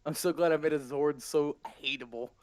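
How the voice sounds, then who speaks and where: A man's voice: a little high, steady tone, a little fast, dry recording. A man improvising narration as the game master of a tabletop role-playing game.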